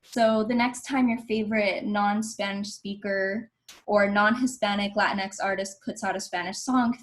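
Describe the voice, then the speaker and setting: A young woman, a student, presents her argument to the class over a video call. She speaks earnestly and persuasively at a middle pitch. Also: low-quality recording. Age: young adult.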